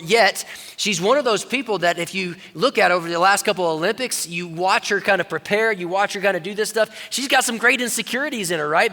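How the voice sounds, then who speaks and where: A male pastor preaching a sermon in a conversational way, dropping low and quiet when quoting God. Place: church auditorium. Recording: long reverb of a church hall.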